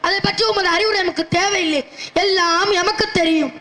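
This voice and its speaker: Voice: very high-pitched, fairly quick, bright, forceful tone. A performer playing a proud, haughty male poet who boasts and challenges in formal declamation. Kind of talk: Tamil stage-play acting.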